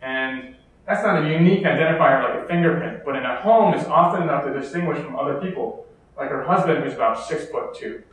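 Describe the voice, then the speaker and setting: A man's voice: on the high side, brisk. Man lecturing in an echoey hall. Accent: American. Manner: explanatory, steady, with occasional fillers and restarts. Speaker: keynote speaker. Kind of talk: conference keynote lecture. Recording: echoey hall, distant mic.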